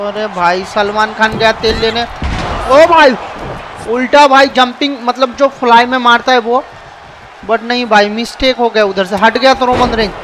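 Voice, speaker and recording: A man giving excited, casual commentary over a wrestling video game and often shouting. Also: very high voice, a little slow. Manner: excitable, shouts often, calls people bhai. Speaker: gameplay commentator. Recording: noisy background with crowd sounds. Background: video game arena crowd and noise.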